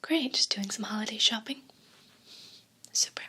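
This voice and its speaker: Close to a binaural mic, a woman performs an ASMR role play as a herb shop clerk, her breathy whisper pitched on the high side. Her customer-service patter is gentle, unhurried and attentive. Paper crinkles and rustles in the background.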